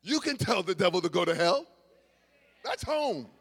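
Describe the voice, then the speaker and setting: A male preacher with a high voice delivers a sermon to his congregation. He drops into quiet, conversational asides, then builds into loud, shouted exhortations. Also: big pitch swings, moderate pace, gravelly, breathy edge. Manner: swings from low murmurs to shouted exhortation. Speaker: pastor.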